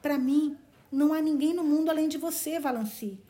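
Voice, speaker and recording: A woman's voice: high-pitched, normal speed, warm tone, pitched above the performer's own voice, lightly acted. A woman reading the lines of an ardent, blunt young man from a novel. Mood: passionate.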